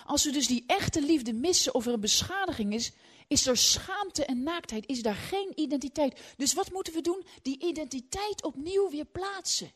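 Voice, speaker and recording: A middle-aged woman preaching a sermon, emphatic, swinging between loud outbursts and hushed, halting stretches. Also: high-pitched.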